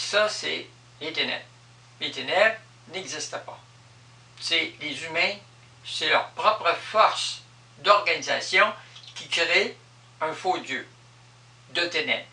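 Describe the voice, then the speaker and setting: Recorded from a distance in an echoey room, the man's voice sits a little high and comes across very bright and sharp, with a Quebec French accent. He is a vlogger talking through his personal spiritual beliefs in an improvised monologue, stressing and repeating his points.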